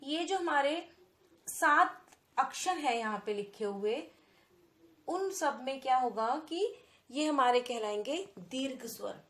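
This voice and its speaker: A woman teaching a grammar lesson, explaining sounds and slowly repeating example words. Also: high-pitched, expressive, fairly bright tone, echoey room.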